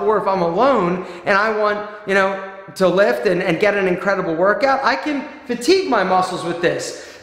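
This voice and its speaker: A man in his forties talking animatedly in a vlog, touring his home gym and gesturing as he speaks. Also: high-pitched. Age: 40s. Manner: animated, emphatic, gesturing broadly. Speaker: fitness vlogger. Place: small home gym room, indoors. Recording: echoey bare room.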